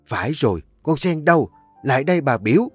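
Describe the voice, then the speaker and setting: A man's voice: mid-range voice, big pitch swings, a little fast, slightly rough, no room sound, faint music behind, voice pushed up. A man voicing a domineering older mistress of a rich house who scolds harshly. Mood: scolding.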